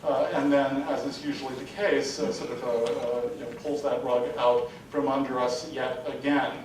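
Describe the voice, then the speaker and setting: Speaking flatly at normal speed in a slightly mellow voice, a man rambles through an adult-education lecture packed with "sort of, you know." The lecture hall recording comes from a distant mic, very echoey, with a faint rumble.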